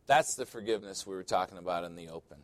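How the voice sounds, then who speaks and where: A man's voice: low-pitched, fast, dry recording. A male pastor preaching a sermon in a church, joking and conversational with sudden emphatic swings.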